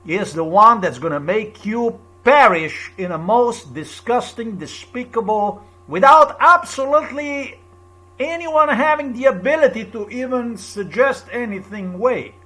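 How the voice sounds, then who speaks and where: A man's voice: very high voice, animated, a little slow, sharp tone. A man from Slovenia with a Slovenian accent, speaking to camera in an insistent, repetitive, lecturing monologue. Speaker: video blogger.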